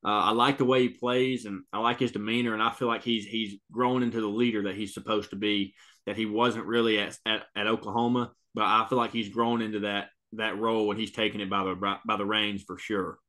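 A college football podcast co-host talks casual sports in a lowish, bright, forceful voice. He speaks fairly quickly with a level tone, stays emphatic, repeats words, and says "man" a lot.

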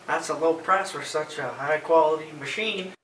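A teenage guy puts on a wide-eyed, gee-whiz little boy for a hard sell infomercial. His voice is bright and a bit high, caught in an echoey room. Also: moderate pace, lightly acted. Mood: eager awe. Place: small bare indoor office room. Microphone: camera a few feet away. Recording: echoey small room, distant mic, faint noise.

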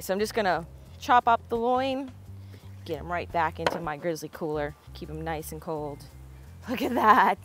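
A woman's voice: low-pitched, a bit bright. Upbeat woman explaining step by step. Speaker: fishing and cooking channel host. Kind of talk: instructional cooking vlog.

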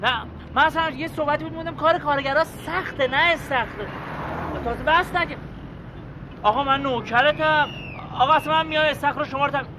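Sitcom role: high-voiced, wheedling fast talker; noisy background. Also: male voice. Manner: wheedling, pleading, talks himself out of trouble. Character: fast-talking flustered man juggling favors and lies. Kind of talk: TV sitcom acting.

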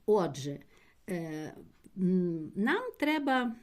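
A woman teacher giving a patient primary school language lesson, explaining slowly and spelling out words syllable by syllable for her pupils. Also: on the low side, sing-song. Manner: slow, patient explaining, addressing pupils directly.

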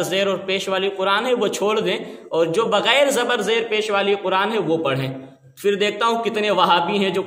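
A man's voice: high voice, fairly bright tone. A man preaching an emphatic, argumentative religious lecture. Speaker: Islamic preacher. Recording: echoey room with long reverb.

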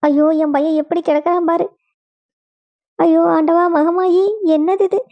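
Woman doing a bitter older mother-in-law, Kongu Tamil accent, very high shrill voice, wailing and scolding. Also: steady tone, a little slow, muffled recording. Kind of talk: family drama acting.

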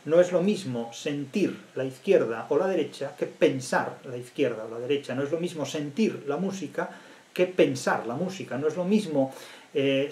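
A man giving a lecture on literary theory as a professor, emphatic and deliberate, repeating phrases with pauses. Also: on the high side, a little mellow, echoey room.

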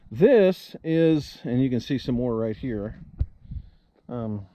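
A man talking casually in a vlog, rambling and folksy with many ums and uhs, outdoors on dry, windy land. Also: mid-range voice. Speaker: homesteader vlogger. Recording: slightly dull, faint outdoor noise.

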